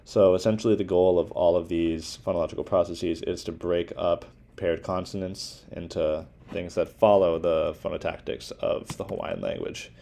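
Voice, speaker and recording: Low gravelly young man presenting. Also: fairly even intonation, normal speed, warm tone. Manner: informal, many fillers and restarts. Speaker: student presenter. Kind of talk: casual class presentation.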